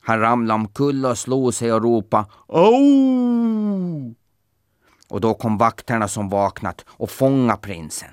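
A man narrating a children's folktale in a gentle, playful storytelling manner. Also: lowish voice, hardly any pauses, clean tone, no echo, studio quality.

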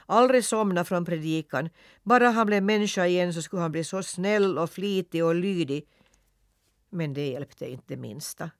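A man narrating a classic children's story for radio in a lively, expressive reading. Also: on the high side, no echo, studio quality.

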